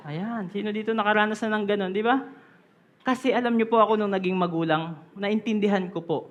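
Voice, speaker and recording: A pastor in his thirties preaching a sermon in a church hall, switching between Tagalog and English, often asking the congregation questions and rising to loud emphasis. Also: high voice, steady tone, fairly quick, muffled recording. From Philippines.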